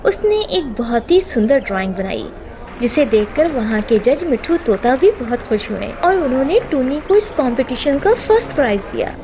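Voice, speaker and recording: A woman narrating a children's cartoon story in an expressive, gentle way. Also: high voice, normal speed, background noise.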